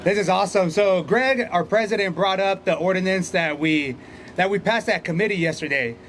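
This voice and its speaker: A man's voice: sits high, moderate pace, background noise. A man emceeing an outdoor union rally, firing pointed questions at the crowd and laughing between points. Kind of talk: rally speech. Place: outdoors by hotels.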